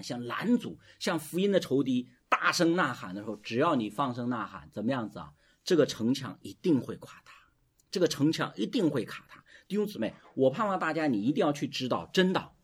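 A male preacher giving an animated sermon, calling questions out to the congregation and drawing answers back. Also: medium pitch, husky.

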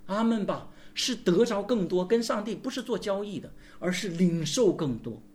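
A male pastor delivers a sermon in a fairly high voice that swings widely in pitch. He works his listeners in a call-and-response rhythm, throwing out rhetorical questions and prompting replies. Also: expressive, moderate pace, a little mellow.

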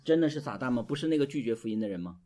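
A male preacher giving an animated sermon, calling questions out to the congregation and drawing answers back. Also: medium pitch, very fast.

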